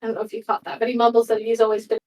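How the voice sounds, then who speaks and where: A woman runs a tabletop game as game master and narrates in a relaxed way, with fillers. Her voice is slightly high. She sounds set back from the mic. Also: rapid-fire, distant mic, low-quality recording.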